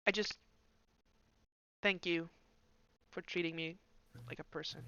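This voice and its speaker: A woman playing a soft-spoken grateful prisoner. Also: fairly low pitch, steady tone, unhurried, clear, resonant tone, no echo, highs cut off. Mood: quiet gratitude. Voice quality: soft and quiet. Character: lonely young woman prisoner, grateful and subdued.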